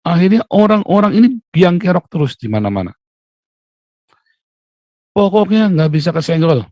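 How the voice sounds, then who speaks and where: A male pastor giving a colloquial morning devotional sermon. He swings between loud, emphatic bursts and quiet, low asides. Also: sing-song, normal speed, no echo.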